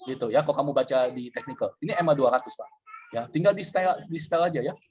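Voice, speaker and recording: A man's voice: mid-range voice, quick pace, a little mellow, a little hiss or hum. Chatty man explaining market charts. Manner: chatty, frequent fillers and checks for understanding. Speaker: trading webinar presenter. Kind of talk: casual explanatory webinar.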